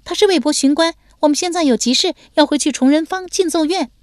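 A woman narrator voicing a playful, sharp-witted young woman in an audiobook, talking high and lively. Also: fast talker, no echo, clean studio sound, close to an everyday voice. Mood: teasing. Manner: perky and teasing, then sharply scornful. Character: bright, teasing young woman, quick and playful.

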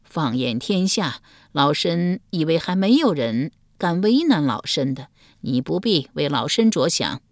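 In a storybook reading, a woman voices a shrewd, stern, elderly grand empress dowager who speaks coldly and imperiously, commanding and scolding. Her exaggerated voice is deep, somewhat slow and full of big pitch swings. The studio sound is clean, with no room sound.

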